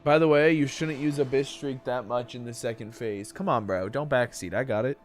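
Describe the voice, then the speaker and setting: A man's voice: mid-range voice, normal speed, soft background music. A man in his twenties chatting casually with his viewers while streaming a game, joking around and swearing often. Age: 20s. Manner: joking banter with chat, frequent swearing. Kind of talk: casual live gaming stream chat.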